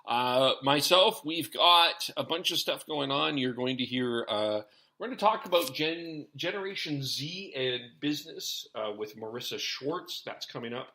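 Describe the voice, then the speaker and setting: Male podcast host, bright forward tone, rambling, thinks out loud with many restarts. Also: medium pitch, lively intonation, unhurried. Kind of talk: casual podcast chat.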